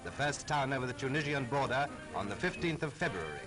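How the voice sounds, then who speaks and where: A man's voice: mid-range voice, expressive. Man narrating an old wartime newsreel. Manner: brisk, formal, patriotic delivery. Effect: old newsreel soundtrack. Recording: old newsreel soundtrack over loud music.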